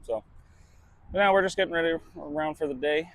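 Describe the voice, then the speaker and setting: A man's voice: a little high, fairly quick, fairly bright tone. A truck driver talking casually to his camera while he works, in a laid-back, chatty way with casual swearing. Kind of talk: casual vlog narration.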